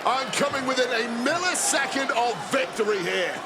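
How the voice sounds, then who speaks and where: A man's voice: very high-pitched, animated, normal speed, loud music behind the voice. A man giving dramatic, emphatic commentary as a wrestling commentator. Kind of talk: excited play-by-play and color commentary on a wrestling match. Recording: loud crowd noise behind. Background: roaring arena crowd, slams.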